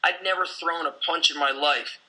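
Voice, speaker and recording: A man's voice: fairly high pitch, fairly even intonation, normal speed, pushed and bright, poor audio. A man in his forties, a gym owner and coach, talking bluntly and intensely in a casual conversation, swearing freely.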